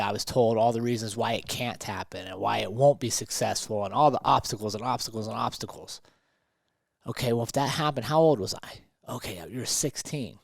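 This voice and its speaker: A man with a fairly low, creaky voice talks conversationally as a motivational podcast host and coach. He is emphatic and likes rhetorical questions. The recording is clean studio sound with no echo.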